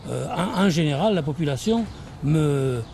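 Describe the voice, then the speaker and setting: An older man, a mayor, answering interview questions outdoors, halting with many restarts. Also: on the high side, animated, gravelly, darkish tone, slight background noise. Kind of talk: documentary interview while canvassing. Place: outdoors in a housing estate.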